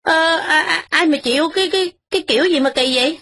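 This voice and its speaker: A woman voicing an evasive rich young man who stammers and answers quickly and defensively. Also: high-pitched, bright, forceful tone, no echo, clean studio sound, pitched above the performer's own voice. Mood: flustered.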